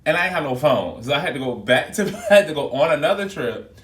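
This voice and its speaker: A man's voice: fairly high pitch, expressive, quick pace, a bit bright. A man who works as a flight attendant, chatting casually and expressively to his viewers, recorded on a phone video. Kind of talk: casual vlog chat to viewers. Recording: echoey room, phone mic held back at a distance.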